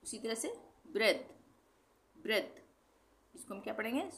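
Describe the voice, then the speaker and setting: Her voice sits on the high side, sing-song and fairly bright, as this Hindi-speaking English teacher explains pronunciation classroom-style. Words get spelled out one letter at a time and said again slowly, and she fixes her own mistakes.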